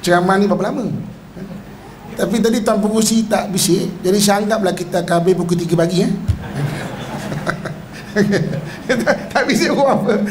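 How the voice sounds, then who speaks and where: A man's voice: high voice, moderate pace, background noise. A Malaysian Malay man, a religious teacher, giving a humorous mosque lecture, keeping the congregation involved with frequent questions and acting out voices. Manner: playful, mimics whiny and scheming voices, engages audience with questions.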